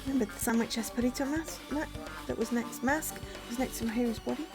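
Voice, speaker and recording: A woman's voice: fairly high pitch, fast. A woman reading game dialogue aloud and adding casual commentary during a playthrough. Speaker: gamer playing a visual novel. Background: game music.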